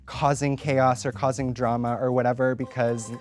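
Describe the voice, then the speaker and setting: A man's voice: medium pitch, level tone, normal speed, soft background music. A man as a guest in a casual chat, blunt with a dry, teasing edge.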